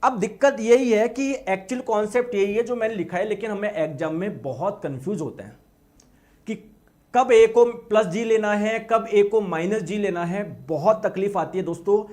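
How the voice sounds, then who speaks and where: A man's voice: high voice, moderate pace, a little mellow. A man teaching a physics lesson to exam students with lots of energy, repeating words for emphasis and asking the class yes-or-no questions.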